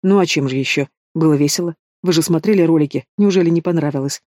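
Audiobook heavy: mocking young thug, read by a man, mellow and fairly high. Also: fast, dry recording, studio quality, natural voice. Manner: taunting, drawling, casual menace. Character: sneering young male villain, lazy and mocking. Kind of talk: audiobook character voice.

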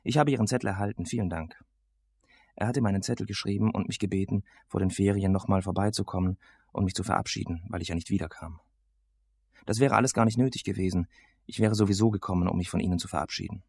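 A man's voice: low-pitched, fairly even intonation, fast, creaky, darkish tone, husky, no echo. A man reading a novel aloud as its casual, sardonic first-person teenage narrator. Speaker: audiobook narrator.

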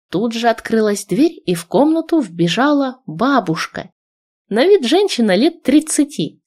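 Female audiobook narrator, measured and expressive, first-person reading. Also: mid-range voice.

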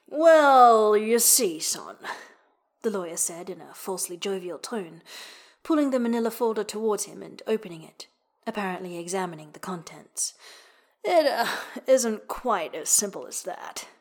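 A woman's voice: medium pitch, animated, normal speed, a little mellow. A woman reading an audiobook, voicing a falsely jovial, evasive middle-aged male lawyer.

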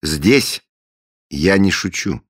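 A man's voice: low voice, lively intonation, very slow, slightly rough, dry recording, studio quality, voice pushed up, full character voice. A man voicing a grandiose middle-aged leader of a secret order, who speaks in solemn, imperious pronouncements. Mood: pompous. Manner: solemn, imperious pronouncements, later loud and hearty. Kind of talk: audiobook character voice.

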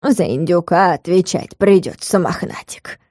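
A woman's voice: fairly low pitch, a little slow, a little mellow, no echo, studio quality. A woman voicing a small, fussy, bookish male devil who talks in a flustered, plaintive way. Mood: placating.

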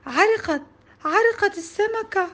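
A woman voicing an eager little girl with trouble saying some sounds, speaking in excited high squeals. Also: a little slow. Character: young girl with a lisp-like speech problem, eager.

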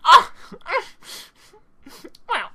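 A man voicing an excitable, self-important male professor with a squeaky voice, in an amateur audio drama. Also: drawn-out words, heavily acted. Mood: indignant. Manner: theatrically indignant, swooping.

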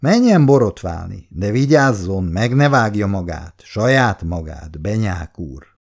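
A man voicing a sly, prying gentleman who asks pointed questions and mocks. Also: lowish voice, big pitch swings, creaky, exaggerated voice. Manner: mocking and inquisitive.

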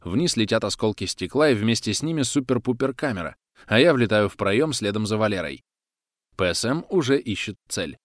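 A man's voice: lowish voice, animated, fairly quick, no echo. A man reading a first-person action story aloud with dramatic storytelling on a close mic. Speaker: audiobook narrator. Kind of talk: first-person audiobook narration.

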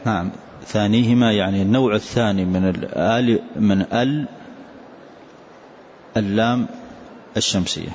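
Speaking at a normal speed but pausing often, a man with a low, darkish voice teaches as a sheikh, patiently repeating each line a student recites and then explaining it. The lesson recording is dull and lo-fi, with faint hiss.

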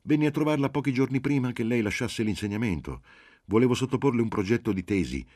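A man voicing a reserved young man who answers calmly and tersely, in an audiobook reading. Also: a bass voice, normal speed, dry recording, clean studio sound. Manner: calm and terse.

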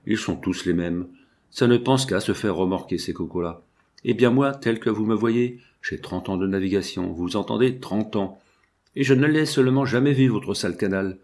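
A stout old sea captain, boastful and contemptuous, barks his orders in a low, gruff voice, as a male narrator puts him on. He blusters through every line of this storybook reading with a seasoned sailor's scorn. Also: normal speed, darkish tone, lightly acted.

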